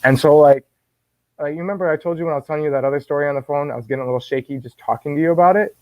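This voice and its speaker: A man guest telling a personal faith story in an animated way, often restarting and repeating words. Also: a little high, very fast, no echo. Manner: animated, acts out his own quoted words. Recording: dull dry lo-fi sound.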